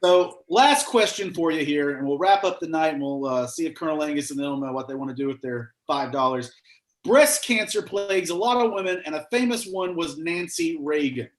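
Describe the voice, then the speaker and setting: A man's voice: on the high side, expressive, a little fast. A man hosting a casual online trivia night, chatty and joking as he reads out the questions. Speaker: trivia host. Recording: roomy echo.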